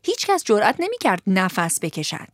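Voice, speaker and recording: A woman narrating a children's storybook in an expressive voice, at times soft and half-whispered. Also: medium pitch, dry recording, studio quality.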